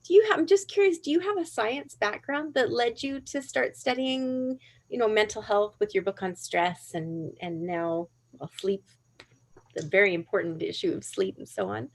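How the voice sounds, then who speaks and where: A woman's voice: medium pitch, normal speed. A woman moderating a book event, politely thanking the author and reading out audience questions. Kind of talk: hosting a Q&A.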